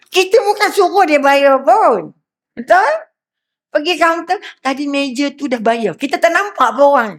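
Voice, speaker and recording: A middle-aged woman with a Malaysian accent delivers a religious lecture, her voice sitting a little high. She keeps it lively, turning to her listeners with questions and slipping into quoted voices. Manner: lively, asks the crowd questions, acts out quotes. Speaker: preacher.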